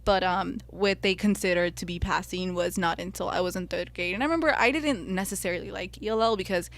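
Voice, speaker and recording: Fairly quick and lowish, this young American woman speaks Spanish as her first language. She co-hosts a podcast, sharing her own experiences in earnest, heartfelt, personally reflective talk.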